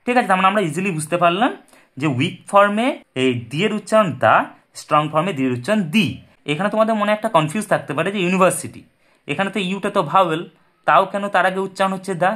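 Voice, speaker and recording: A man's voice: high voice, quick pace, fairly bright tone. A man teaching an English pronunciation lesson, patient and repetitive, asking questions and answering them himself. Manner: patient, repeats points and asks then answers his own questions. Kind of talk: explaining a lesson. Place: indoors at a desk with paper and pen.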